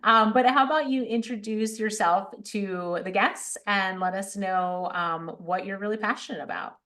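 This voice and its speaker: A middle-aged woman hosts an interview over a video call, speaking with eager enthusiasm. Her pitch sits in the middle range, and she laughs lightly between phrases. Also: moderate pace, fairly bright tone. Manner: enthusiastic, giggly, with um fillers. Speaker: podcast host. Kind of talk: casual interview chat on a call.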